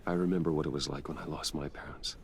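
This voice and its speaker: Solemn game hero, super low gravelly voice, quiet grief, consoling and protective. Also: male voice, steady tone, fast. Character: Bruce Wayne, wealthy orphaned man, solemn and protective. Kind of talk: video game voice acting.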